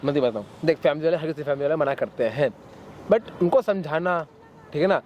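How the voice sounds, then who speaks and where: A man's voice: a little high, fairly quick, dull audio, a little hiss or hum. A young man lecturing and persuading a friend in casual talk, repeating himself to make his point. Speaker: YouTuber. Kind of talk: casual argument.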